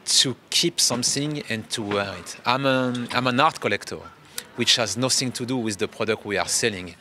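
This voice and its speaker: Bright-voiced French man musing. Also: lowish voice, slight background noise. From France. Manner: reflective, loose phrasing with frequent restarts. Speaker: interview guest. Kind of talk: casual interview talk.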